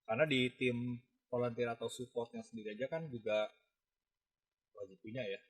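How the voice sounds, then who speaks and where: Husky guy hosting a podcast, chatty and slangy, lots of ums. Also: mid-range voice, fairly even intonation, moderate pace, rough recording. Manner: chatty, uses slang, many fillers and restarts. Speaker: podcast host. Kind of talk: casual chat.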